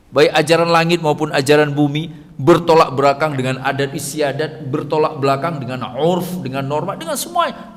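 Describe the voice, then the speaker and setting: A man giving a casual sermon and Quran lesson to fathers, animated and joking, acting out little dialogues. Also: medium pitch. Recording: reverberant hall with faint ambient noise.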